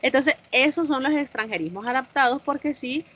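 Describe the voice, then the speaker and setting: A woman's voice: sits high, moderate pace, a bit bright, breathy edge. A woman teacher explains the lesson to her online class and stops to put questions to them.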